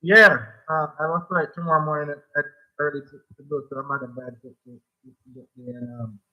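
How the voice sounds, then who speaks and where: A man's voice: a little high, a little fast. A man calling in to a radio talk show, chatting eagerly about cricket and often repeating himself. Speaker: caller. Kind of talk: phone-in chat about cricket. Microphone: phone line. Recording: lo-fi phone line.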